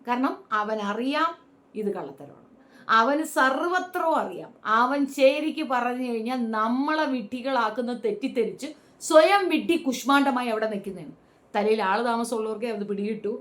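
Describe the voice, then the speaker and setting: A woman's voice: a little high, fairly bright tone. A woman giving a blunt, sarcastic commentary on a reality show, scolding the contestants in a talking-head vlog.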